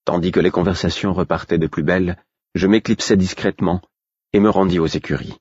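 A man narrating a story in the first person as an audiobook, with measured, even storytelling. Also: sits low, slightly rough, dry recording. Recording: dull, dry recording.

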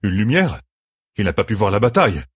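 A man voicing a puzzled army officer who asks questions briskly, a little brighter than the narrator, in an audiobook. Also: on the low side, sing-song, breathy edge, no room sound, studio quality.

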